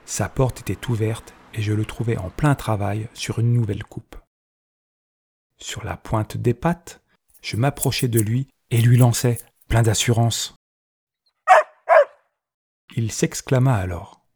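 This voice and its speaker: Male children's audiobook narrator, husky and low, gentle delivery. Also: fairly even intonation, slow, long pauses. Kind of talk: scripted storybook narration.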